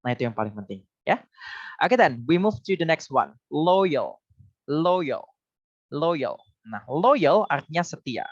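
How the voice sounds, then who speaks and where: A woman's voice: deep voice, big pitch swings, takes it slowly, dry recording, muffled recording. A woman with an Indonesian accent teaching an online English lesson, patient and encouraging, switching between Indonesian and English. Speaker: English coach.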